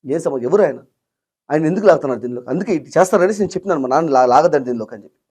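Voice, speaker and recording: A young man, a guest in an interview, telling an emotional story fast and in an agitated way, acting out the voices of the people he quotes. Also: fairly high pitch, lively intonation, darkish tone, husky.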